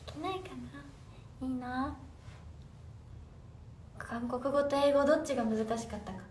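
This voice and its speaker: Bubbly high-voiced young woman livestreaming. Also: normal speed, darkish tone, recorded from a distance. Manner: bubbly, giggly, reads comments aloud and answers. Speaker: idol livestreaming, reading fan comments. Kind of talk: casual livestream chat. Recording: roomy echo, off-mic, faint room noise.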